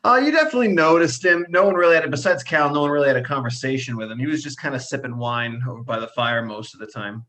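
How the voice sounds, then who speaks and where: A man narrating a tabletop game as dungeon master in a relaxed, casual way. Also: mid-range voice, fast talker, few pauses.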